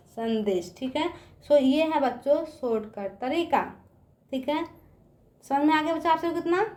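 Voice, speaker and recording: A woman's voice: sits high, roomy sound. A woman teaching children a spelling lesson. She spells words out letter by letter and keeps checking whether the children have understood.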